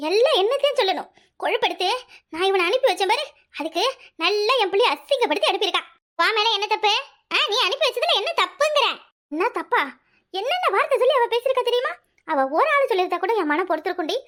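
A woman's voice: very high-pitched, expressive, quick pace, fairly bright tone. A woman with a Kanyakumari Tamil accent voicing an aggrieved older village mother in a cartoon, complaining theatrically. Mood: indignant. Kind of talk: animated cartoon comedy dialogue.

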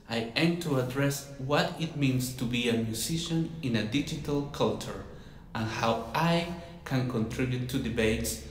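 A man in his thirties, originally from Chile, talks through his research in a measured, thoughtful way. He sits in a high-ceilinged room with tall windows. The sound is roomy, with a long reverb trailing each phrase, and his pitch sits in a middle range. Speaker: music researcher. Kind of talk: scripted portrait monologue.

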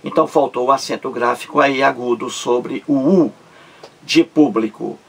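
A man's voice: mid-range voice, normal speed, creaky, breathy edge. A man teaching a Portuguese grammar lesson on video, stretching out syllables and repeating words to stress them.

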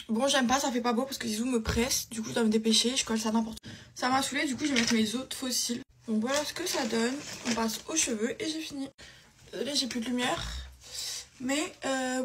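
A woman's voice: high voice, brisk, noisy background. A young woman chatting casually and offhandedly while doing her makeup, recorded on a phone at home. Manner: chatty, offhand, self-mocking. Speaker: beauty vlogger. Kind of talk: casual get-ready-with-me chat.

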